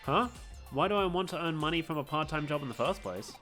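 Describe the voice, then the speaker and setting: A man's voice: a little high, lively intonation, fast talker, bright, forceful tone, faint music behind. A man voicing an evasive, grumbling young male video game character, reading the dialogue aloud. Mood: defensive.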